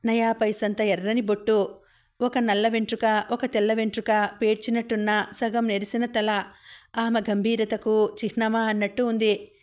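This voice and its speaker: A woman, reading a novel aloud as an audiobook narrator in a steady, even storytelling manner. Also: on the high side, moderate pace. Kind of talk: novel reading with character voices.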